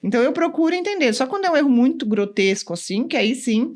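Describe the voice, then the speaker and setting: A woman volleyball coach chatting in an interview, animated, often acting out what others said and tagging sentences with "né?". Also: sits high, quick pace. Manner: animated, acts out quotes, many "né?" tags. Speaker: volleyball coach, former pro player. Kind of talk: casual interview chat.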